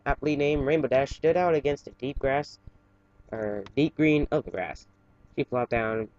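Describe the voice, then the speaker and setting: A man casually reads fan fiction aloud, halting, stumbling, correcting himself and adding chatty asides. His voice is medium-pitched and mellow, with no room sound and the highs cut off.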